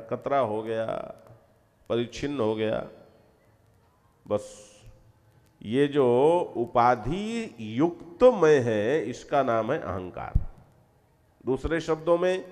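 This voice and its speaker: A man's voice: mid-range voice, darkish tone, in a large hall. A man giving a devotional spiritual discourse to a gathering, explaining step by step and often urging listeners to pay close attention. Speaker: spiritual teacher.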